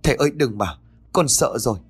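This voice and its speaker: A man voicing a shrill, female-sounding spirit that has possessed a man and begs in pain. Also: a little fast, husky. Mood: pained pleading. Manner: shrill, pleading.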